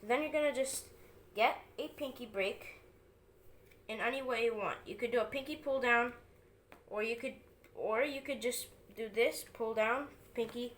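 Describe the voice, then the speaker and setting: A woman's voice: on the high side, normal speed, slight background noise. A woman giving informal card magician patter, talking through each move step by step as she demonstrates and teaches a trick. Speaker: amateur card magician presenting a trick and tutorial.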